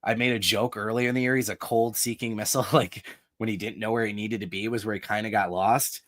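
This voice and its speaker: A chatty podcast host with a fairly low male voice. He rambles through sports analysis in a relaxed, self-deprecating way and slips into promo plugs. The sound is dry and close, with no room around it. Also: fast, no room sound. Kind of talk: casual sports podcast chat.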